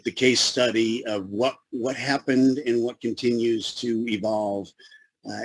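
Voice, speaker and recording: A consultant with a Chicago accent presents a webinar in a radio-style voice, halting often with fillers and restarts. His pitch is fairly low with a breathy edge. There's no room sound, but the recording is rough.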